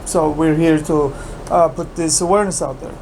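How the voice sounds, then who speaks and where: Male co-host, gravelly fry, informal halting delivery, slight noise in the background. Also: on the high side, a little mellow, rough recording. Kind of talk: informal unscripted discussion.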